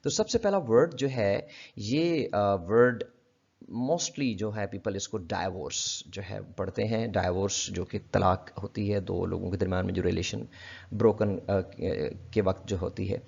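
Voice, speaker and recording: Man teaching pronunciation, low voice. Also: vocal fry, a little mellow, slightly rough. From Pakistan. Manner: repeats words slowly for practice, polite address. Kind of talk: casual spoken lesson. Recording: dull lo-fi audio.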